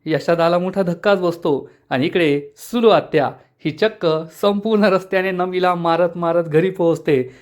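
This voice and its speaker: Male recap narrator, high-pitched, brisk retelling, reads every part. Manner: brisk storyteller voicing every character himself. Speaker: serial episode recap narrator. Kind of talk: spoken story retelling.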